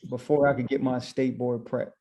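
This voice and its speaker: A man's voice: mid-range voice, little pitch movement, normal speed, mellow, husky. A man who owns barbershops, guest on a podcast, telling his story casually and retelling his own thoughts as quotes.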